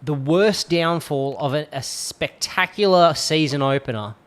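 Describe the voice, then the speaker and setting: A man's voice: fairly high pitch, a little slow, a bit bright. A man co-hosting a podcast, reacting and asking questions in casual chat with dry humor. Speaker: podcast co-host.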